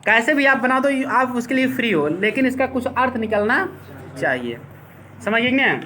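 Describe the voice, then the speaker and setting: A man teaching an English grammar lesson to a class, explaining slowly and often asking whether it is clear. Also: very high voice, lively intonation, sharp tone, a little hiss or hum.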